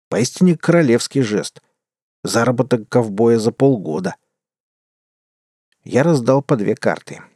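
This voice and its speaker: A man's voice: lowish voice, warm tone, no echo. Man narrating an audiobook, dry close.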